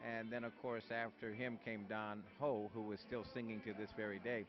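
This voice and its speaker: A man's voice: on the low side, level tone, moderate pace, music in the background. A man answering interview questions at an event, hesitant with many fillers. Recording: muffled lo-fi video sound.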